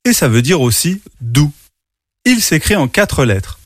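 A man hosting a children's show, teaching English words slowly and telling a storybook tale. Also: a little high, sing-song. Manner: slow, clear, spells out words for kids.

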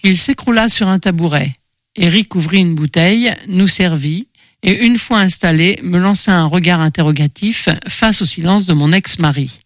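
A woman narrating a first-person novel in an audiobook, steady and expressive. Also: on the low side, normal speed, no echo.

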